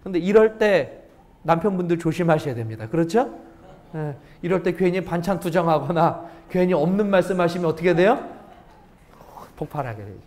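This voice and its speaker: A man with a notably high voice delivers a sermon as pastor in a church. He talks straight to the congregation, keeps asking it rhetorical questions and moves from loud, emphatic points to quiet asides. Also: a little fast. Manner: lively, shifts between loud emphasis and hushed asides. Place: church sanctuary.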